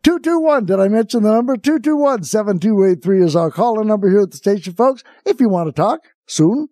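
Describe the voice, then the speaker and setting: A man's voice: high-pitched, lively intonation, quick pace, dark tone, no echo, clean studio sound. A man hosting talk radio, delivering an exasperated, incredulous comic rant off the cuff, rambling through asides and rhetorical questions. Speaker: radio talk show host.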